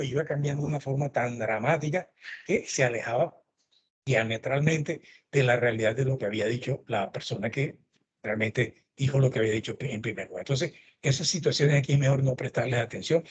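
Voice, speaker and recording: A man's voice: mid-range voice, muffled recording. A middle-aged man gives a lecture, telling anecdotes and acting out the dialogue. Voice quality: very husky. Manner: storytelling, acting out quoted dialogue. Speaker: lecturer in forensic medicine.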